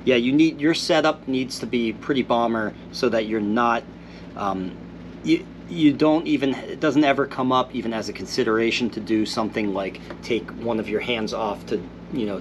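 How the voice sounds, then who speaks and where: With background noise around him, a man with a lowish voice runs a viewer Q&A. He's still a touch congested from an illness, reading comments aloud and answering in a laid-back, reflective style.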